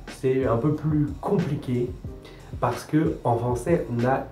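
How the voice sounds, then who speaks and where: A man's voice: mid-range voice, takes it slowly, warm tone. A young French man coaching viewers on pronunciation, talking in an emphatic, teacherly way and repeating key points. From France. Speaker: language coach. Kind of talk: talking-head language advice video. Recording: echoey room with light guitar music.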